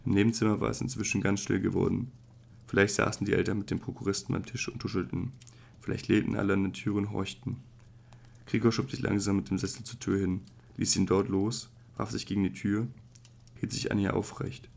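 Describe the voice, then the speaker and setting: Deep, gravelly male storyteller. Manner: measured, even reading with occasional slips. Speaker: audiobook narrator. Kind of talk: calm literary audiobook narration.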